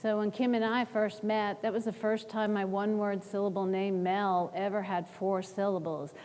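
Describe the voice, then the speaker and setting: A woman's voice: mid-range voice, little pitch movement, normal speed, darkish tone, big-room sound. A woman from the northern United States leading a workshop, conversational and checking in with her audience. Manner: conversational, asks "right?". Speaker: workshop presenter. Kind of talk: workshop presentation.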